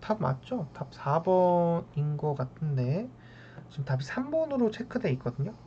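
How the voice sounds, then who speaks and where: Woman math teacher, low voice, keeps checking in with students, dull lo-fi recording with faint ambient noise. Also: very animated, normal speed, mellow. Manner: keeps checking in with a tag question after each step; talks to the math terms as if addressing them. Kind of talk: lecture working through problems.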